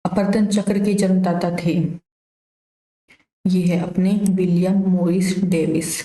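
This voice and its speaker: Low-voiced woman teaching with an echo. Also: flat delivery, slow, dark tone. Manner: casual explanatory, repeats answers with memory tricks. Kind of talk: exam revision lesson.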